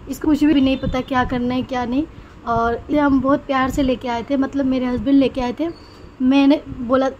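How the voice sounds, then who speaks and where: A woman's voice: high-pitched, dull audio, background noise. A young woman chatting casually in a home vlog, rambling fondly about her pet bird. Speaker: vlogger. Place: home, indoors.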